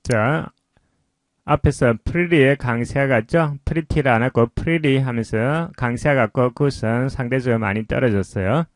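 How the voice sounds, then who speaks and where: A man teaching English pronunciation, explaining slowly and patiently in a lesson voice-over. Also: medium pitch, no room sound, clean studio sound.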